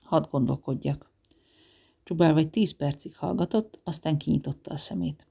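A narrator reading a novel aloud in calm, even audiobook narration. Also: mid-range voice, vocal fry, husky.

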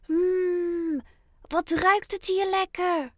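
A woman's voice: very high-pitched, steady tone, very slow, no echo, clean studio sound, voice pushed up, exaggerated voice. A woman voicing a cheeky, greedy little male penguin in a children's audiobook, speaking in an eager, playful and self-assured way. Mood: greedy delight.

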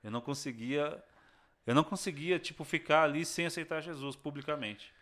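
A man's voice: on the high side, brisk. A young man, telling a personal story in casual chat and acting out the people in it. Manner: animated, acts out voices of people in his story, slangy. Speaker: guest telling his conversion story.

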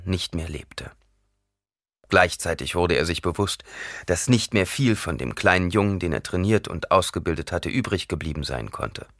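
A man reading an audiobook aloud in an expressive, dramatic narration. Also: low-pitched, dry recording, studio quality. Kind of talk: scripted narration.

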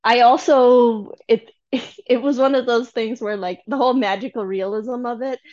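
A woman chatting casually about a film, expressive and often laughing. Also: a little high, moderate pace, dull audio. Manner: expressive, laughs often, playful quoted voices.

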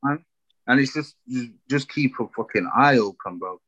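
A man with a London accent giving opinions in a casual discussion, forceful and slangy, often checking that he is being followed. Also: mid-range voice, expressive, normal speed, no echo, lo-fi sound.

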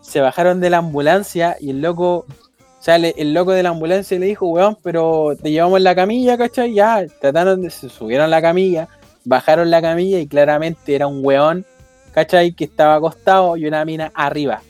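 A man's voice: fairly high pitch, brisk, a little mellow, soft background music. A young man with a Chilean accent telling a rambling, slang-filled anecdote in casual chat. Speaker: storyteller.

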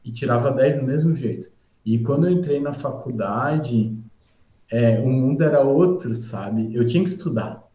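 A civil engineer appearing as a podcast guest tells stories casually in a mellow, medium-pitched voice at normal speed. He's relaxed and rambling, often tossing in "tá?" and "sabe?", and the recording has a roomy echo.

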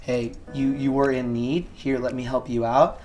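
A man's voice: mid-range voice, flat delivery, normal speed, darkish tone. A man in his thirties from Hawaii, a gym owner talking casually and reflectively as an interview guest, with many ums and likes. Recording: music bed under voice.

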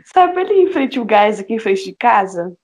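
A woman's voice: medium pitch, normal speed. A teenage girl co-hosting a podcast, telling stories in casual chat and mimicking the people in them. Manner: expressive storyteller, mimics voices. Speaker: podcast co-host.

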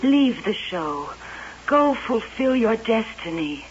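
Solemn, slow-spoken mystical princess. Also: female voice, fairly high pitch, very animated. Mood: urging. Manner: solemn, portentous, deliberate. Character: mystical wax fortune-teller princess come alive, commanding, seductive. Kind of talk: old-time radio drama acting. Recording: hissy, muffled old radio recording.

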